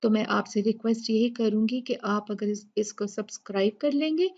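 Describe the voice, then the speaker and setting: A woman teaching Quran recitation rules. She demonstrates letters slowly and patiently, and often checks with "ठीक है?". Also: medium pitch, a little mellow, muffled recording. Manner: patient, drawn-out demonstrations, keeps asking "ठीक है?". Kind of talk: tajweed lesson with slow recitation.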